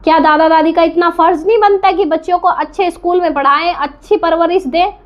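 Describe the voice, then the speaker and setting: In a muffled recording, a very high-pitched female reaction vlogger gives an indignant, scolding talk to camera. Defiant, she fires rhetorical questions and hammers her points by repeating them.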